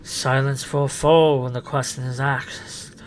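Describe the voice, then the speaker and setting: A man playing a curious, protective time-travelling alien guide in an improvised sci-fi roleplay, speaking in a halting, theatrical way. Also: mid-range voice, little pitch movement, slight background noise, lightly acted. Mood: thoughtful, cautioning.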